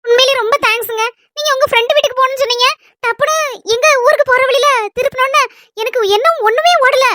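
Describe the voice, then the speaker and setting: A woman's voice: very high-pitched, fairly even intonation. A woman playing a shy young wife. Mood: grateful. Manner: soft, hesitant, quick. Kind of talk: scripted family skit.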